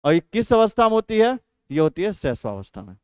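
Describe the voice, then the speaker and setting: High, crisp-voiced man quizzing students. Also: big pitch swings, a little fast, a little mellow, no room sound. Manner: quizzing, repeats questions and answers them himself. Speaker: teacher. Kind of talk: exam practice lesson.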